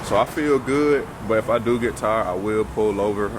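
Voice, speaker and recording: A young man vlogging casually to his phone camera, rambling loosely with slangy speech and thinking out loud as he corrects himself. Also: lowish voice, normal speed, background noise. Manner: laid-back slangy speech. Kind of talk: casual vlog talk to camera. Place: at home, then in a car before dawn.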